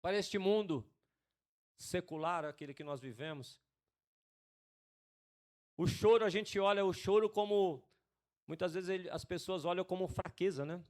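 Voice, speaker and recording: A middle-aged pastor delivers a sermon in a fairly high-pitched voice. He keeps turning to his listeners with questions and swells into loud, urgent stretches of preaching. His speech stays in a conversational preaching rhythm. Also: normal speed, pauses often. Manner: asks the congregation questions, adds "né?".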